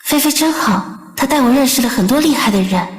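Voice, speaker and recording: An actress playing a young woman bent on revenge, who speaks in a soft, guarded way. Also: sits high, lively intonation, a little fast, reverberant, in a large hall. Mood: wistful.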